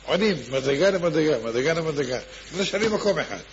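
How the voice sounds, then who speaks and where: A man's voice: fairly high pitch, expressive, dull audio, very noisy. Male preacher telling a devout tale. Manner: repetitive, with frequent restarts. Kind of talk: sermon storytelling.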